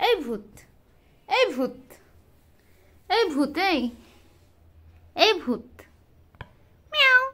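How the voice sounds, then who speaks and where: A woman's voice: high-pitched, big pitch swings, drawn-out words, long pauses, a bit bright. A woman talking to her pet rabbit at home in a casual vlog, half scolding and half teasing it in playful baby talk. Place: home bedroom.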